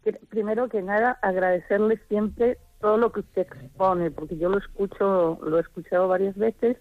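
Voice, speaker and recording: A Chilean woman phones in to a religious radio show, talking enthusiastically and rambling as a caller. Her mid-range voice keeps fairly even intonation at a moderate pace, with no echo, though the phone line sounds muffled.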